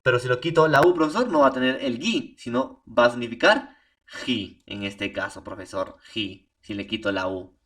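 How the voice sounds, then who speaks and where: A man's voice: mid-range voice, normal speed, distant mic. A male teacher with a Peruvian Spanish accent giving a recorded spelling lesson, often tagging "¿no?" and "profesor". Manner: animated, repeats "profesor" and "¿no?" as tags. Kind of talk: recorded remote language lesson.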